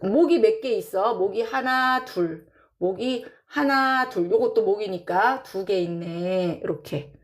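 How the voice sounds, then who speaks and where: Slow-talking woman teaching a class. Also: mid-range voice. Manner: drawn-out, repeats terms while counting and writing. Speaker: saju teacher. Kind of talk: casual lecture to students.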